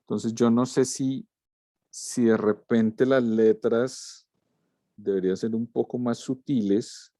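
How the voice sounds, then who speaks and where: A man's voice: medium pitch, steady tone, slow, warm tone, no room sound, studio quality. A man, a lettering teacher giving a student feedback over a video call, walking through corrections step by step. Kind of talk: class critique of student work.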